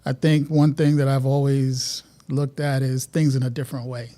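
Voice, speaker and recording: A man from Guyana, a guest artist telling stories in a relaxed interview chat, often restarting his sentences. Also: mid-range voice, moderate pace. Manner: reflective, storytelling, many restarts.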